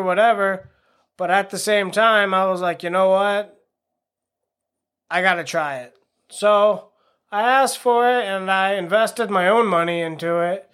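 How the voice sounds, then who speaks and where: A man's voice: high voice, fairly bright tone. A man hosting his own podcast, talking casually in a rambling, frank and self-deprecating way into a home microphone. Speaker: podcast host. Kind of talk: casual solo podcast monologue.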